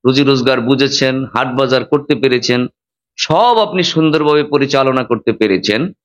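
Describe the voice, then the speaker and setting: A man's voice: mid-range voice, moderate pace, lo-fi sound. A man giving a sermon, teaching pronunciation with emphatic rises and drops. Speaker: Islamic preacher.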